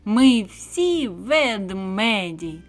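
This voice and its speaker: A woman voicing a gang of noisy, playful young forest animals, a squirrel among them, who shout excitedly. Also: medium pitch, drawn-out words, soft background music. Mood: boisterous.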